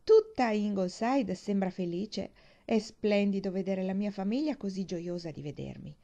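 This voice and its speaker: A woman reading aloud voices a joyful mother coming home to her family, exclaiming brightly. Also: mid-range voice, normal speed, lightly acted.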